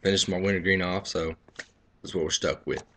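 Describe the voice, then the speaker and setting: A young man tells his umpiring stories in a low, deep voice, blunt and full of swearing. The talk is loose and casual, like a home video vlog, with faint clicks in the background. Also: steady tone, fairly quick, fairly bright tone, slight background noise. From Texas. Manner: profane, blunt, boastful storytelling. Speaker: baseball umpire.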